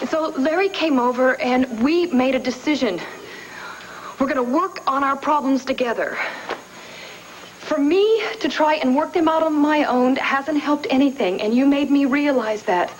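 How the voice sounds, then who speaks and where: A woman's voice: high-pitched, normal speed, a little hiss or hum, natural voice, poor audio. An actress playing an earnest woman explaining her decision with heartfelt sincerity in a soap opera. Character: grateful young woman, earnest and relieved.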